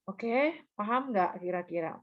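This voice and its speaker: A woman teaching a language lesson, patiently explaining and modeling example phrases aloud, with quick checks that the listener understands. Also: mid-range voice, expressive. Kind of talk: recorded online lesson. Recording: dull, muffled lo-fi sound.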